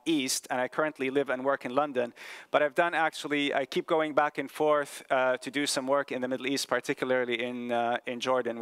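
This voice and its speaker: Halting man giving a conference talk. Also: mid-range voice, fairly bright tone, clear, resonant tone, no room sound. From Palestine. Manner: halting, many fillers and restarts. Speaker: pediatrician presenting at a medical conference. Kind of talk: conference presentation.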